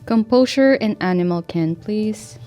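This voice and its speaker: A woman running a tabletop role-playing game as game master, narrating scenes at a very slow, deliberate pace. Her pitch is middling for a woman, and she pauses often, filling the gaps with small hesitations. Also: animated, warm tone, faint music behind. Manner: slow, unhurried, with fillers.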